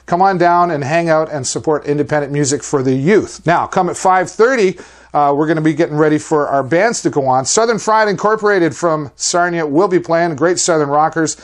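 A man's voice: a little high, brisk. A middle-aged man hosting a music show, chatty and enthusiastic, making promotional announcements from a studio set with a lapel mic. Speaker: host.

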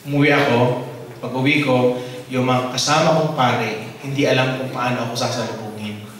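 Priest telling a story in a sermon. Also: male voice, medium pitch, moderate pace. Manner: animated storyteller acting out dialogue. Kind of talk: sermon testimony. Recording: distant mic in very echoey hall.

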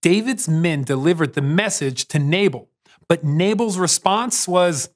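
Young man, narrator host, children's storytelling, animated intonation, scripted delivery. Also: on the high side, unhurried. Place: studio.

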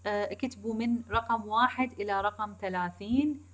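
Iraqi woman teaching English slowly. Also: mid-range voice, fairly bright tone. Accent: Iraqi Arabic. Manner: switches between Arabic and slow, deliberate English; addresses students directly, repeats key points. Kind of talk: recorded online lecture.

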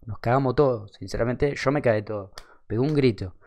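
A man's voice: medium pitch, fairly quick, a little mellow. A young man with an Argentine accent telling a funny anecdote in slangy, swearing casual talk. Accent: Argentine Rioplatense. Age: young adult. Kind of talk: casual storytelling.

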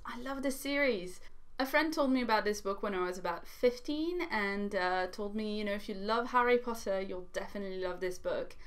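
Young woman, from France, native French speaker, casual book vlog, animated, filler words, webcam in living room. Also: mid-range voice. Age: young adult. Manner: chatty, animated, frequent ums and uhs. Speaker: book vlogger. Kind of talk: casual chat to camera. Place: small indoor living room by a fireplace.

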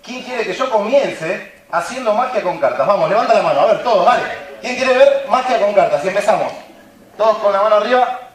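Speaking with a Rioplatense Spanish accent, a magician and comedian delivers stand-up magic patter and jokes with a live audience at an event. His high voice is animated and brisk, picked up far from the mic in an echoey hall amid crowd noise, laughter and chatter.

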